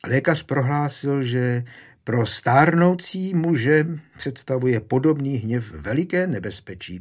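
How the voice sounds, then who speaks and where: A man narrating a historical novel in a measured, storytelling manner. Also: mid-range voice, darkish tone, slightly rough. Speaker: audiobook narrator.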